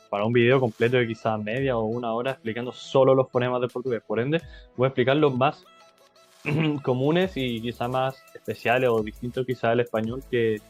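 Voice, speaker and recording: A young man from Chile giving a casual tutorial as a language tutor, halting with many fillers and restarts. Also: medium pitch.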